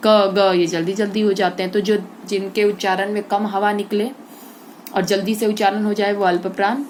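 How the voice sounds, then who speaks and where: A woman's voice: mid-range voice, flat delivery, brisk, a little mellow, slight background noise. Woman teacher explaining grammar patiently. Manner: explains step by step, often asks and answers her own questions. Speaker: Hindi teacher. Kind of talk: classroom grammar lesson.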